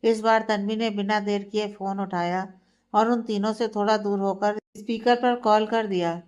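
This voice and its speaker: A woman's voice: mid-range voice, fairly even intonation, normal speed, darkish tone. Woman storyteller reading a romance. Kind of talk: scripted story narration.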